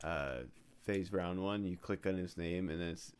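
A man's voice: low-pitched, fairly even intonation, normal speed, a little hiss or hum. A young man chatting over voice chat while gaming, laughing a lot and swearing casually. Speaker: gamer in voice chat.

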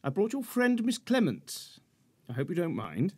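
An actor playing a pompous, fussy middle-aged lawyer in a period radio drama, formal and precise about legal procedure. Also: male voice, high voice, wildly swooping pitch, normal speed, husky, full character voice. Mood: stern. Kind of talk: 1940s-set radio drama acting.

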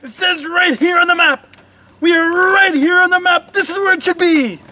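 A man's voice: fairly high pitch, measured pace, gravelly, fairly bright tone, slight background noise. A man playing a loyal male pirate deckhand in an amateur pirate film, speaking in earnest pirate talk. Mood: frantic.

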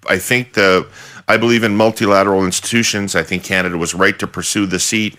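Over a video call from an indoor home office lined with bookshelves, a middle-aged podcast host interviews a guest, pressing with probing follow-up questions. His voice is on the low side, pushed and bright.

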